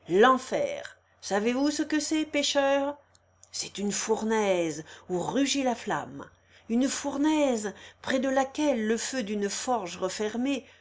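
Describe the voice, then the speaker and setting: A woman reading the lines of an old village priest who declaims a hymn about hell like a sermon. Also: mid-range voice. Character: old male village priest, preaching fiercely. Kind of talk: audiobook reading of a quoted hymn.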